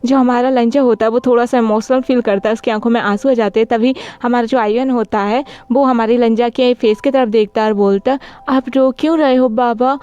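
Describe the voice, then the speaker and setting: A chatty woman retelling a story, rambling along and correcting herself mid-sentence. Her voice is smooth and clear, and its tone is mellow rather than bright. Her pitch sits a little higher than most women's. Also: steady tone, a little fast, few pauses, muffled recording. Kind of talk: casual story recap.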